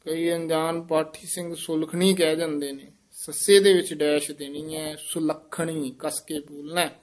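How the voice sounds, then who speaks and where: A man teaching scripture recitation, chanting verses and then quickly explaining how each word should be pronounced. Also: fairly high pitch, flat delivery. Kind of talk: pronunciation lesson.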